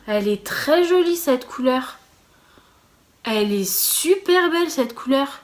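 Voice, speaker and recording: Bubbly high-voiced woman vlogger. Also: measured pace, soft background music. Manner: bubbly, easily excited, chatty with viewers. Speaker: beauty vlogger. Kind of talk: casual makeup challenge chat.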